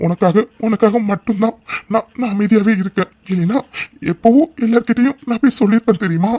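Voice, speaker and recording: A man's voice: sits high, quick pace, mellow, a little hiss or hum, lightly acted. A man voicing a two-faced young man student in a cartoon serial, boastful and scheming, then falsely pleading. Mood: fake pleading.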